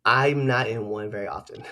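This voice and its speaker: A man chatting casually as an interview host and fellow wrestler, telling stories in an animated, slangy way and laughing often. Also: mid-range voice, a little slow. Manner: animated storytelling with slangy asides; laughs often while talking.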